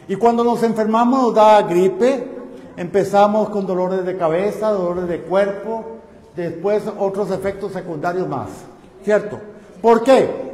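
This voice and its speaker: A man's voice: high-pitched, a little mellow. A man preaching a sermon, putting rhetorical questions to his congregation. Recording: echoey hall.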